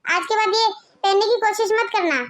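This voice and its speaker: A put-upon husband in a homemade family skit, forever lecturing and soothing his two wives, played in a strikingly high, thin voice. He talks in a coaxing, preachy way. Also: brisk, a bit bright. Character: adult husband torn between two wives, placating. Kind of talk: amateur family skit acting.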